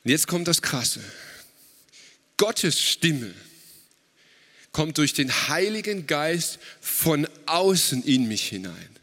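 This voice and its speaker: A man preaching a sermon at a church service, slow and emphatic, setting out words one by one. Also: a little high, very animated, sharp tone, big-room sound.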